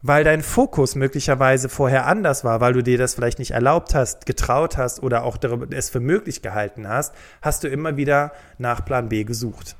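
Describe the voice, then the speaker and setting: A man hosting a solo career-advice podcast, speaking straight to the listener and checking in with a quick "okay?". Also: mid-range voice. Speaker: podcast host.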